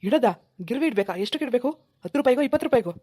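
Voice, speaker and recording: A woman voicing an angry village husband in a cartoon, accusing and threatening in a fast, dark voice. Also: fairly high pitch, expressive, husky. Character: furious village husband, middle-aged man. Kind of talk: cartoon voice acting.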